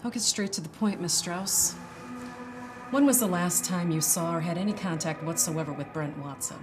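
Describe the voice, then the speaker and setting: A woman playing a tough, businesslike homicide detective in a drama, questioning in a measured, insistent way. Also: fairly low pitch, natural voice. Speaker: actor. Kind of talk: dramatic interrogation scene acting. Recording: loud music behind the voice. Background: loud instrumental music.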